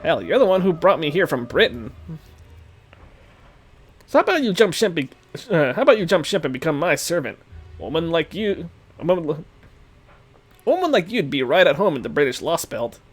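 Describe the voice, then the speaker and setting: A man's voice: on the high side, very animated, fairly quick, long pauses, husky, soft background music. A man voicing a sly, smug young man who drawls and threatens casually while reading game dialogue. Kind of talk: reading a game's dialogue aloud.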